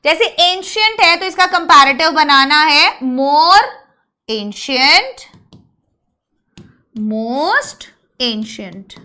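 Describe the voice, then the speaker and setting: A woman teacher giving an online English grammar lesson, mixing Hindi explanation with English terms and drilling word forms slowly one by one. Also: high voice, lively intonation, bright, forceful tone.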